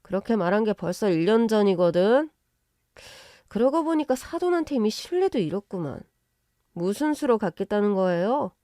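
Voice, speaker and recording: A woman's voice: medium pitch, very animated, normal speed, mellow, no echo, clean studio sound, lightly acted. A woman voicing a cool, sarcastic creditor who talks dryly. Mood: mocking.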